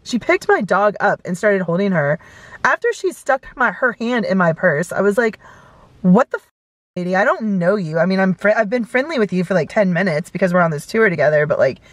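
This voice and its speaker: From inside her parked car at night, a woman in her thirties tells a rambling, filler-heavy story to a camera close in front for her vlog. She sounds animated and a little fast in a mid-range voice, with no echo.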